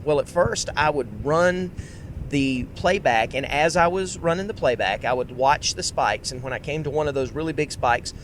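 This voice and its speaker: A man hosts a casual solo podcast, rambling and correcting himself as he projects his voice. Faint road rumble runs underneath the recording.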